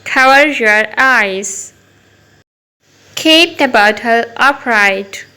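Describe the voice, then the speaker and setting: A woman teaching simple English phrases to children, saying each one slowly and clearly twice. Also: a little high, sharp tone, rough recording. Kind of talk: repeating phrases for learners.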